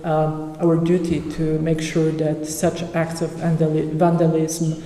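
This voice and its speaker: Slow, halting conference speaker in an echoey hall. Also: medium pitch, monotone, dark tone. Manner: halting, with frequent pauses and fillers. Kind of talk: academic presentation with slides. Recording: echoey hall with long reverb.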